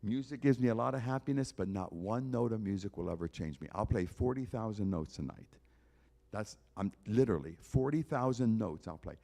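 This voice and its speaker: Male pianist giving church testimony; low, warm, emphatic, repetitive appeals. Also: lively intonation, fairly quick, vocal fry. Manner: preaching, emphatic repetition, direct appeals to listeners. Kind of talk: evangelistic talk at a church concert.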